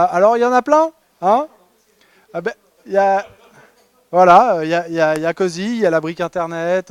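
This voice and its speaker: A man's voice: high voice, smooth, no echo. A man presenting a humorous award talk at a conference, ironic and chatty with many fillers and restarts. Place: conference hall.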